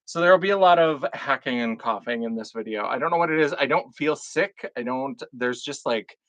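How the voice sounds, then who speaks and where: A drag performer from North Dakota hosts a casual live unboxing stream, chatting, greeting chat viewers, and swearing now and then. His mid-range voice is fairly quick and fairly bright, with a froggy, phlegmy throat and no room sound.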